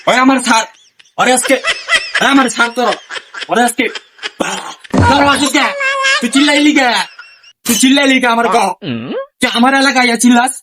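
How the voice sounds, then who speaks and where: A man's voice: extremely high pitch, steady tone, noisy background, pitched above the performer's own voice. A man playing a boastful, shady adult man who bosses and threatens people in a comedy sketch. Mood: angry. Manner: blustering, bossy, quick to threaten. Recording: music playing under the voice.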